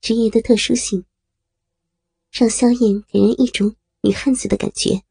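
A woman narrating an audio story with a steady, measured reading. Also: a little high, gravelly, husky, dry recording. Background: faint music.

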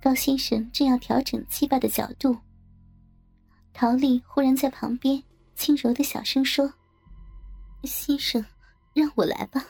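A woman narrating an erotic story in a soft, slow, intimate reading voice. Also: high-pitched, steady tone, vocal fry. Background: faint music.

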